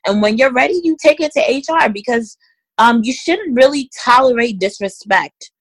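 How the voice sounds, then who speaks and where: A woman's voice: a little high, animated, normal speed, dry recording, poor audio. A woman giving direct, emphatic career advice in a conversational interview, speaking straight to listeners. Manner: direct, emphatic, addresses listeners as guys and ladies.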